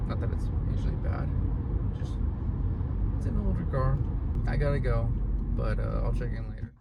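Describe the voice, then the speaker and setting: A man records himself on a phone from inside a moving car, rambling and thinking aloud with lots of ums and restarts. His voice sits at an ordinary pitch and comes across a bit distant from the mic. Heavy road and engine noise runs underneath everything. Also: lively intonation, gravelly. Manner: rambling, reflective, halting with many fillers. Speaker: storm chaser. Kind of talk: solo vlog while driving. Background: loud car and road noise.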